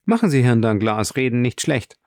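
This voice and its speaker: A man's voice: medium pitch, expressive, normal speed, a little mellow, no echo, clean studio sound, close to an everyday voice. A man voicing a polite, courteous young aristocratic viscount in a read-aloud novel. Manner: polite, slightly distracted.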